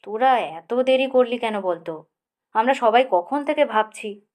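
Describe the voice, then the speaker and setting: A woman's voice: a little high, a little slow, natural voice. Laid-back middle-aged husband, read by a woman, teasing tone, storybook. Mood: scolding. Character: easygoing middle-aged husband, firm when needed.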